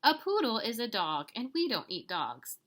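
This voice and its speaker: A firm but fond mother cat from a children's storybook acted by a woman. Her voice is bright and slightly raised, with lively stresses and a scolding edge. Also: on the high side, moderate pace, pitched above the performer's own voice, full character voice.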